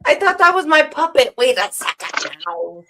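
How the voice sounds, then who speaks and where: A woman's voice: high-pitched, very animated, normal speed, a bit bright, a little hiss or hum. A woman hosting a casual stream, playfully reading the chat aloud. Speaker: stream host.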